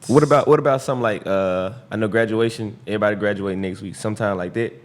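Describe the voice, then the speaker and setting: A man's voice: lowish voice, quick pace. Laid-back male podcast host. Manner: laid-back, asks rambling questions with lots of fillers. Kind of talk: casual interview.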